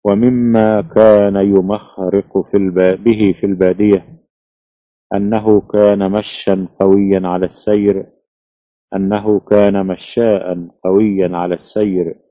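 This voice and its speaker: A man reading a classical text aloud in a slow, measured, even recitation. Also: deep voice, no echo. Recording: dull lo-fi, dry.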